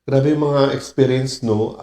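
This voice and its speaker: A man's voice: medium pitch, fairly even intonation, measured pace, dark tone, reverberant. A man hosting a reaction video, talking emotionally and dropping in English phrases. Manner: emotional, mixing English phrases, laughs often. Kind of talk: casual reaction commentary.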